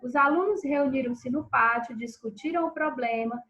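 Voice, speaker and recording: A teacher with a high, fairly bright voice records a review lesson for her pupils, checking in after each answer and slowly, clearly stressing each syllable. The audio has its highs cut off.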